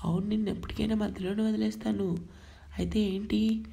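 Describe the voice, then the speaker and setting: Woman playing a feisty young girl who snaps back, mellow gravelly voice. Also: mid-range voice, steady tone, close to an everyday voice. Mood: annoyed. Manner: sulky, quick retorts.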